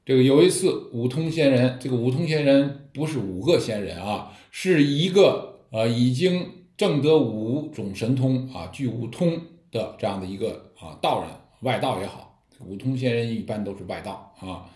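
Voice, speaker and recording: A man's voice: medium pitch, moderate pace, few pauses. A man teaching about Zen koans in a dharma talk, telling stories and asking rhetorical questions. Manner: lively storytelling with rhetorical questions. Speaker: Buddhist teacher. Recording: echoey room.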